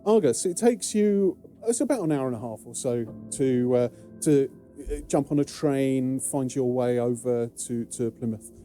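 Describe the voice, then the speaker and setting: Dark-voiced British game master. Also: male voice, medium pitch, normal speed, hardly any pauses, soft background music. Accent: British English. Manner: hesitant, many ums and restarts. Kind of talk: narrating a tabletop game.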